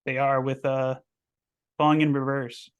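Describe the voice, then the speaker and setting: A man co-hosts a podcast while losing his voice, so he sounds hoarse. He talks bluntly and swears freely. His pitch stays flat and even. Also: unhurried, muffled recording. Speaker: podcast co-host. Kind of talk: casual chat.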